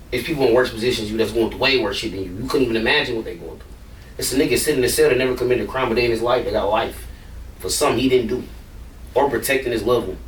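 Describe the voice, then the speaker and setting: A man's voice: lowish voice, reverberant, distant mic, slight background noise. A man, a rapper, talking casually and bluntly in an interview, rambling and swearing freely.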